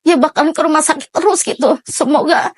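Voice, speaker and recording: A middle-aged woman telling a personal story in an interview, halting and emotional, with many restarts. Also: sits high, dry recording. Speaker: interviewee, mother of a sick child.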